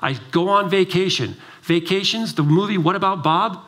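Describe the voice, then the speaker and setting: This high-pitched man speaks at a normal speed. He's a middle-aged doctor delivering a driven, emphatic talk at a summit, animatedly telling stories and performing the dialogue himself.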